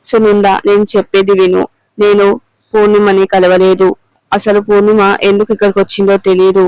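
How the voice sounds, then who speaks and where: A man reading the lines of a remorseful middle-aged husband begging his wife to listen, in a flat, clear voice. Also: high-pitched, fairly quick, dry recording, lightly acted, low-quality recording. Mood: pleading. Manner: pleading.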